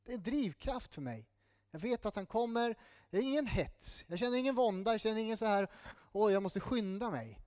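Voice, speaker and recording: A man preaching in a church, his voice sitting high for a man. He talks in a lively, chatty way and often breaks off for an aside or a quick apology. The sound is close and dry. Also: no room sound. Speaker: pastor. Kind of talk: sermon.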